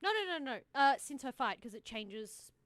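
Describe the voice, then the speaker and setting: A woman's voice: high-pitched, big pitch swings, moderate pace, a bit bright, dry recording. A woman playing a tabletop role-playing game, chatting casually and describing her character.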